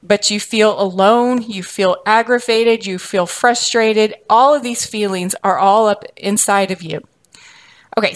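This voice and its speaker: Woman host chatting thru a caregiver story, mid pitch, talks it out loosely with lots of um and you know. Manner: conversational, acts out inner thoughts with fillers and restarts. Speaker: podcast host. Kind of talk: casual storytelling monologue.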